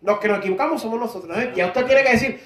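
A man preaching a sermon, animated, acting out voices from scripture stories. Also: very high-pitched, very fast. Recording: echoey room from a distance.

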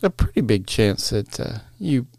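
A man's voice: medium pitch, big pitch swings, measured pace, gravelly, darkish tone, no echo, studio quality. A man hosting a solo podcast, chatting casually with lots of uhs and restarts. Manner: casual, many fillers and restarts. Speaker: podcast host.

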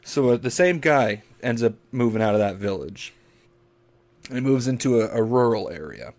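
A man's voice: medium pitch, expressive, normal speed, a little mellow. A man co-hosting a podcast in casual chat, telling crude, profane jokes. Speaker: podcast co-host.

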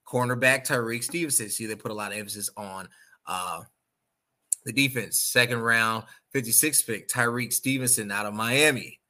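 Bright, emphatic male sports host. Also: mid-range voice, moderate pace. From Chicago area. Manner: emphatic, opinionated, swings loud and quiet. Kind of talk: casual sports opinion talk.

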